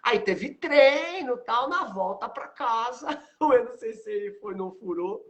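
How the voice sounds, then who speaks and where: A man's voice: extremely high pitch, expressive, slow, fairly bright tone. A Brazilian man in his fifties with a Brazilian Portuguese accent, hosting a live stream and telling stories animatedly, acting out the dialogue with frequent tag questions. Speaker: host, aikido teacher.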